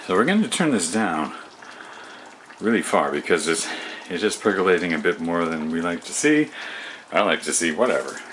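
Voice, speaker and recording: Deep-voiced rambling man cooking. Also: very animated, normal speed, pauses often, a bit bright, a little hiss or hum, poor audio. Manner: absent-minded, talks to himself while working. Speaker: home cooking vlogger. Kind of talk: rambling casual cooking commentary. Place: home kitchen.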